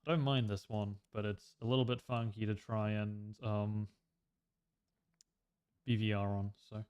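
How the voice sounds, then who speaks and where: A man's voice: fairly low pitch, little pitch movement, unhurried, darkish tone, clean tone, highs cut off. A young man streaming a flight game, chatting casually and explaining tactics with lots of fillers. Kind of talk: casual gameplay commentary.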